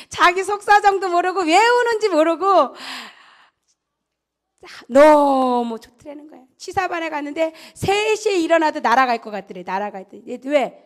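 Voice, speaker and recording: A middle-aged pastor's wife preaching in a church sanctuary, telling a story with animated energy and often dropping into intense whispers. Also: female voice, very high-pitched, a little slow. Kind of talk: sermon with dramatic storytelling.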